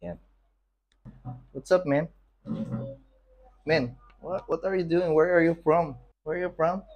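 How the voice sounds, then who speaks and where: A man's voice: a little high, slow pace, lo-fi sound. A man from the Philippines chats casually to his viewers from his computer shop. He is easygoing and laughs often. He sounds a bit out of breath. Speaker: computer shop owner and vlogger. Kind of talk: casual vlog chat.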